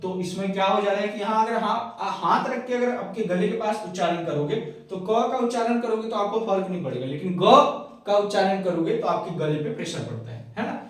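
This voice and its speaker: A man's voice: high voice, brisk. A man teaching a Hindi grammar lesson, spelling out sounds one by one and often checking whether the class has understood. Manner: repeats "clear hai?" and "hai na" often. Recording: very echoey room, voice from a distance.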